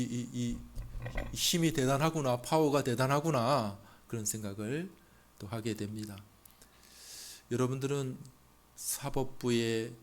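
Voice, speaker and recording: A male pastor delivering a sermon in a conversational style. He asks the congregation rhetorical questions and builds to loud, emphatic peaks. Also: medium pitch.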